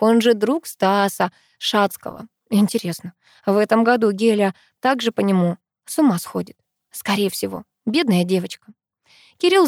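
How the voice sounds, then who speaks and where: A woman narrates a story in the first person with lively, expressive delivery. Her voice sits in a middle range, recorded dry and close with no room sound. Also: mid-range voice, no room sound. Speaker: audiobook narrator.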